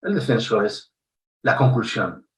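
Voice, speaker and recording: A man's voice: mid-range voice, sing-song. Emphatic Spanish man teaching, roomy echo. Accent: Spanish from Spain. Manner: deliberate, emphatic, varies intonation and pace for effect. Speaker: speaker on public speaking. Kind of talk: instructive talk with dramatic pauses. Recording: roomy echo, somewhat distant mic.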